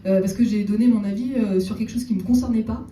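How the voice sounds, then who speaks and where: A woman doing a stand-up comedy set on stage, chatting with the audience and slipping in deadpan ironic asides. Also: mid-range voice, quick pace. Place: theater stage before a live audience. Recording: roomy echo, distant mic, audible room noise.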